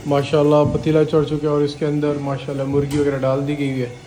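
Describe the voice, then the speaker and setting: A man's voice: a little high, completely flat delivery, noisy background. Devout man vlogging on his phone. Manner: devout, peppers speech with religious phrases. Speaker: vlogger and cafeteria owner. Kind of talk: casual vlog narration. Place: car and restaurant kitchen, Gulf city.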